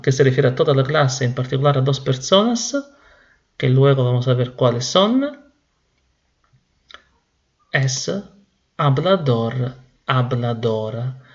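A man teaching Spanish grammar slowly and deliberately, repeating each word. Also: medium pitch, lively intonation, darkish tone, highs cut off. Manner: slow, deliberate, repeats words. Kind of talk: slow classroom explanation.

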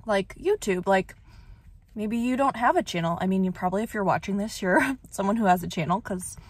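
A woman's voice: medium pitch, lively intonation, a little fast, husky. Chatty young woman vlogging on the go. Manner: chatty, many "like" fillers, laughs easily. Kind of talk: casual vlog chat. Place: car and errands, in and out of doors.

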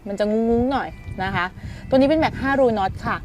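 A woman's voice: fairly high pitch, brisk, a little mellow, soft background music. Chatty woman selling car parts. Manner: chatty, self-teasing, addresses viewers directly. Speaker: car accessories seller. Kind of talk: casual product presentation.

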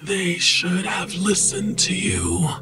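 A woman voicing a menacing, eyeless female snake monster in a raspy, inhuman whisper over music. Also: lowish voice, sing-song, slow pace. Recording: music bed behind voice.

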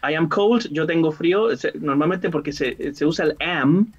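Guy teaching english online, kinda high voice, dull call audio, keeps saying cierto. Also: moderate pace, husky. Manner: explanatory, repeats "¿cierto?" and "digamos". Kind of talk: online English class explanation. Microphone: video call.

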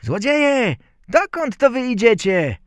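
Squeaky tiny little boy voice, cheeky and pert, storybook kid, dry and close. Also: huge pitch swings, slow pace, a bit bright, no room sound, full character voice. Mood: pert, eager. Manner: shrill and pert. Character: tiny cheeky peasant boy born from a pot.

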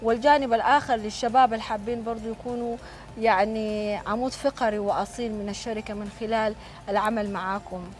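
Soft music plays behind a woman with a Sudanese Arabic accent who talks fast in a steady, rather high voice. Standing in a TV studio as host and prize draw presenter, she chats warmly on live television, reading out messages, congratulating people and announcing prizes.

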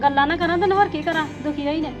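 A woman playing a jealous, nagging mother-in-law in a Punjabi village drama, taunting and quick. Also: sits high, muffled recording, over music, close to an everyday voice. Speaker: actor in family drama.

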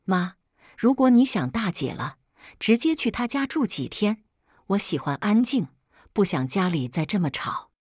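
A woman's voice: medium pitch, big pitch swings, moderate pace, a little mellow, no echo, studio quality. A woman voicing a young mother who talks back coldly, with sarcastic, cutting remarks. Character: young mother, cold and sharp-tongued.

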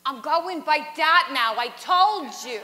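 A woman's voice: high-pitched, expressive, slow pace, pushed and bright, long reverb tail, heavily acted. A woman playing a teasing older woman who once waited tables, in a church stage skit. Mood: sassy. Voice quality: sassy, teasing. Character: sassy old woman, former waitress, wisecracking. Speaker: actor in a church Christmas skit. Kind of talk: live stage comedy sketch.

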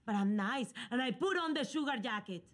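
An actress playing a soft-hearted, talkative wife who mixes up her idioms in a sitcom. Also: on the high side, expressive, brisk, natural voice. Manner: speaks with mixed-up idioms. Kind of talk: sitcom acting.

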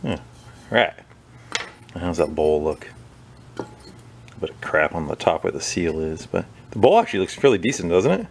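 His voice sits low and moves at a moderate pace with frequent pauses, and there's a little hiss or hum. The man hosts a small engine repair video, chatting casually while working at a bench in a workshop with a wire wheel and sometimes turning off-mic.

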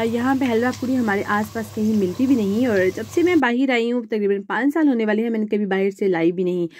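A woman from Pakistan, a mother and vlogger, chats politely through a home cooking video in a casual voice-over. Her voice is a little high with a darkish tone. She keeps a friendly, courteous manner, frequently saying "janab" and "ji."

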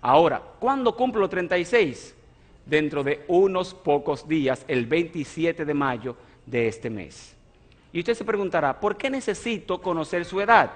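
A man's voice: a little high, animated, a little slow. A man in his thirties preaching a sermon on a stage in a large church hall. He speaks emphatically and keeps asking his congregation questions, then answers them himself. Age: 30s. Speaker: pastor. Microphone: stage mic at a lectern, filmed by broadcast cameras.

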